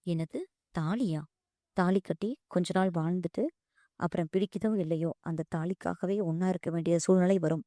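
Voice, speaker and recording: A woman's voice: fairly low pitch, fairly even intonation, normal speed, mellow, no echo, clean studio sound, close to an everyday voice. A woman voicing a wealthy, insistent young man who pleads and scolds in turn. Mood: indignant. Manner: pleading then scolding, calls her "di".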